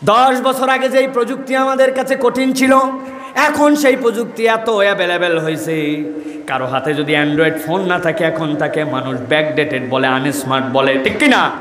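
Man preaching, high voice, sung-out verses, echoey reverb, faint crowd noise. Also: a bit bright. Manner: chants Quranic verses in long drawn-out melody, calls out to the crowd. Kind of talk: Bengali waz sermon.

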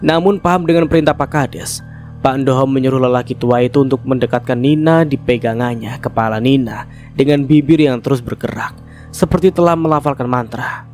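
A man narrating a horror story with a steady, measured delivery. His voice sits at a middle pitch. He tells the tale evenly. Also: faint music behind.

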